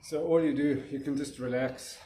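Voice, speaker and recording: A man's voice: mid-range voice, fairly even intonation, moderate pace. A man casually demonstrating a breathing exercise, often restarting his sentences and yawning. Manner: rambling, restarts sentences, yawns. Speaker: breathwork teacher. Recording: roomy echo with faint noise.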